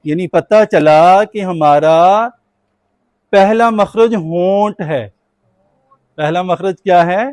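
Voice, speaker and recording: Taking it slowly with long pauses, a Quran teacher leads his students through patient call-and-response, asking questions for them to answer. His voice is high and a little mellow, in a dry recording.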